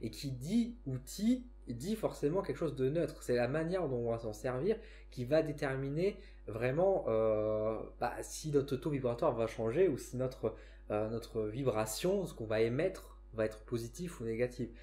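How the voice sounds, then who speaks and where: A man with a northern French accent talks casually to camera about spirituality. He sits at a middle pitch and thinks aloud, pausing and restarting his sentences as he goes. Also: expressive, warm tone, soft background music. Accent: northern French (Ch'ti). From northern France. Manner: reflective, frequent hesitations and self-restarts. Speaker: psychic and spiritual vlogger.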